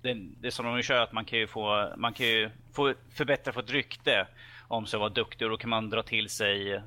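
Bright-voiced casual man chatting about games. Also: fairly low pitch, steady tone. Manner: rambling, jokey, self-mocking. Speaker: podcast co-host. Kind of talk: casual gaming podcast chat.

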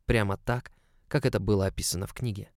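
A man's voice: fairly low pitch, steady tone, quick pace, no echo. A man narrating a story in the first person, in an intimate, close storytelling manner. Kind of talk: audiobook narration.

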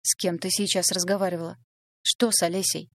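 A woman voicing a grown man who speaks calmly and firmly. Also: on the low side, fairly quick, dry recording, clean studio sound. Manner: calm and firm. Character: grown man, calm, firm, resolute. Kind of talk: audiobook dialogue reading.

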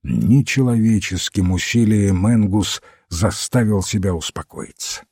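A man narrating a detective story aloud in an expressive, dramatic manner. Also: lowish voice, unhurried, breathy edge, no echo, clean studio sound. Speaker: audiobook narrator. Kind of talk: scripted narration.

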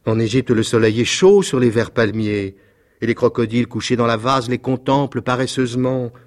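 A man voicing a tender-hearted young male swallow in a storybook reading, high, eager and tremulous. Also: moderate pace, lightly acted. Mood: tender pleading.

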